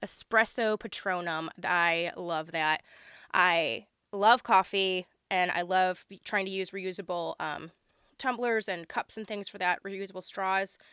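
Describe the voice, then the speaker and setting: Hoarse and congested from being sick, a young woman chats through a casual unboxing, dropping plenty of ums and gushing over the items. Beneath the illness her voice is smooth, even, on the low side and unhurried. The recording is close and dry, with no echo.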